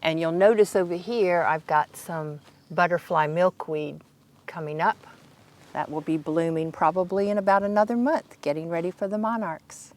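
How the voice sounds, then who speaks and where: A woman's voice: on the low side, normal speed. A woman gives a casual, instructive walk-through of her garden, pointing out plants in plain words. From Kentucky, United States. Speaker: gardener giving a garden tour. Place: outdoors in a home garden. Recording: outdoor ambient noise behind voice. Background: faint outdoor ambience.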